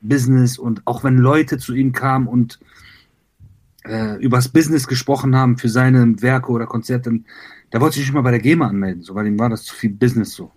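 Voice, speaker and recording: A man from Iran, a rapper being interviewed, talking reflectively with many pauses, fillers and repeated words. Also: medium pitch, steady tone, darkish tone. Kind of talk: conversational interview.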